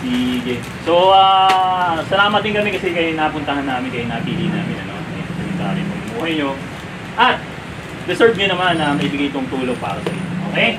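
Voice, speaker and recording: A chatty man talks through an on-location vlog, his voice high and swinging widely in pitch. He sits back from the mic, with loud street noise all around. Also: expressive, a little fast, distant mic. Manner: chatty, coaxing, repeats tag questions. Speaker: vlogger handing out food aid.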